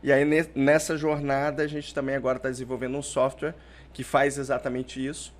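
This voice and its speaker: In a medium-pitched, flat, brisk voice, a man gives chatty interview answers as a podcast guest. He's a startup founder from Portugal who grew up in Brazil, and he explains things with frequent "né?" tags.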